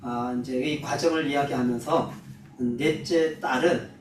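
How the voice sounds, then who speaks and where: A man's voice: mid-range voice, fairly even intonation, a little slow, slight background noise. A man preaching a sermon as a missionary, telling a personal story earnestly and then closing with solemn exhortation. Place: church hall. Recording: roomy echo, mic at a distance.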